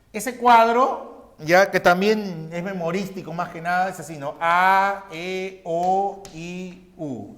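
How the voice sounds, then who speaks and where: A man's voice: a little high, a bit bright. A male teacher giving a recorded class lecture, explaining step by step and asking his students questions that he then answers himself. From Peru.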